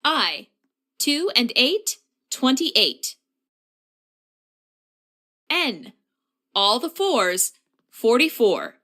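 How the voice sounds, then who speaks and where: A woman calls bingo numbers very slowly and deliberately in a high, bright voice. Her pitch swings lively with each call, using the set phrasing of a bingo caller.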